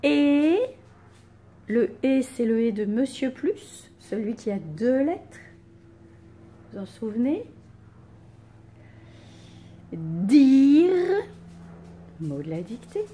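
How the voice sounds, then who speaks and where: Woman, teacher, very slow dictation for children, letter-by-letter spelling, stressed syllables. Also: on the high side, very animated, mellow, a little hiss or hum. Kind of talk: dictation lesson for young children.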